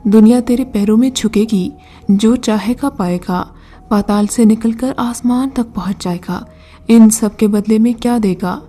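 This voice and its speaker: A woman's voice: a little high, mellow, faint music behind, natural voice. Woman reading as a scornful old jinn. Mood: commanding. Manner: taunting, brusque commands. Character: mocking old male jinn, scornful, commanding.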